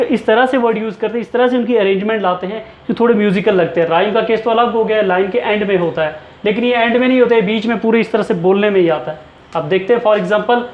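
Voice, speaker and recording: A high-voiced man with an Indian English accent teaches literature, moving between Hindi and English. He explains each point patiently and puts questions to his students. The sound is roomy and a little muffled. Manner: explains slowly and asks the class questions. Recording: echoey room, dull sound.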